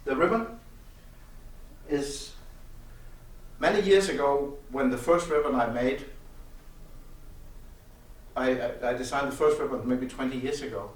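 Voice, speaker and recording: In halting conversation, a loudspeaker designer describes the technology behind his audio equipment in a medium-pitched male voice. He's in a demo room at an audio show, and the recording is echoey and distant, with faint noise.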